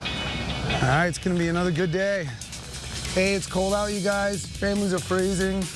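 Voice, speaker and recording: A man's voice: high voice, steady tone, moderate pace, music in the background, natural voice. A man playing an upbeat company boss rallying a crew in an acted commercial.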